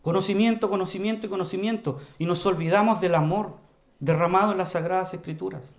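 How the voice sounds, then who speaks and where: A man preaching an earnest, emphatic sermon to his congregation, repeatedly calling them brothers and moving between loud emphasis and quiet, low passages. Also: brisk. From Chile. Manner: earnest, emphatic, often addresses the congregation as "hermanos"; varies volume widely, rising to loud emphasis and dropping low.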